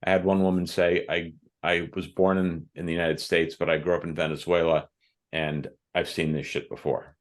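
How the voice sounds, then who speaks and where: On a podcast, a guest who writes books and teaches firearms shares stories from his classes in a thoughtful, measured manner. His voice is low and his tone stays level.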